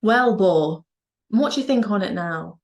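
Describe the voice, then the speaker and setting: A woman's voice: mid-range voice, lively intonation, a little slow, a little mellow. A woman from Norfolk reciting dialect verse in a broad Norfolk accent. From Norfolk, East Anglia, England. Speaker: university lecturer.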